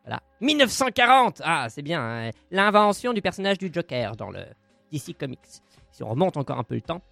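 A man's voice: on the high side, lively intonation, fairly quick, vocal fry, fairly bright tone, dry recording, faint music behind. Playful man hosting. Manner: playful, theatrical, jokey. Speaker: podcast co-host presenting a segment. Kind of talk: casual podcast chat.

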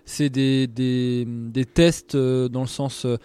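A man's voice: medium pitch, level tone, slow, mellow, clean tone. Joking male host asking questions. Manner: probing, joking interjections. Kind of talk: casual radio chat.

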